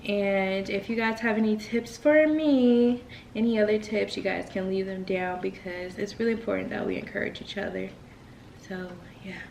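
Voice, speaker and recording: A woman's voice: a little high, vocal fry, a little hiss or hum. A woman in her twenties talking casually to camera over a meal, encouraging her viewers and calling them y'all. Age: 20s. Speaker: vlogger. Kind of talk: casual mukbang talk to camera. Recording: echoey room, far from mic.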